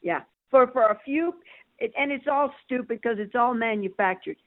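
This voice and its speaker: A woman's voice: fairly high pitch, moderate pace. An older woman calling in to a show over the phone, talking in an emphatic, chatty way as she piles on her points. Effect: over the phone, tinny line. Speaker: caller. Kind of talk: casual call-in chat. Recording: tinny phone line.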